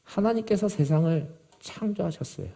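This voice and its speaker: A male pastor preaching a sermon to a youth group, swinging from loud, urgent emphasis to low, quiet gravity. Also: animated, moderate pace, creaky.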